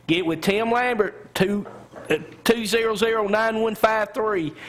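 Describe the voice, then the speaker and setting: A man's voice: sits high, a little slow, fairly bright tone, a little hiss or hum. A man, giving the local sports report on a morning talk show, upbeat and rattling off scores and sponsors. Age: 50s.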